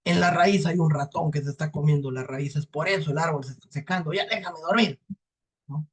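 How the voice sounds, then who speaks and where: A man's voice: on the high side, a little fast, husky. A man voicing a grumpy, menacing male devil in a folktale, with a strained, raised voice that snaps and threatens. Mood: scornful.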